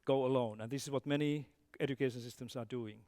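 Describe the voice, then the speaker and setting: A man closing a conference talk in a large hall, earnest and slightly halting. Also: medium pitch, steady tone, warm tone, clean studio sound. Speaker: education speaker.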